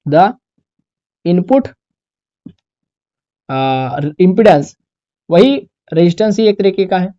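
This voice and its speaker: Male teacher dictating slowly. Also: high voice. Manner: asks the class questions and answers them himself; slows down to dictate terms word by word. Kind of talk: classroom lecture while writing notes.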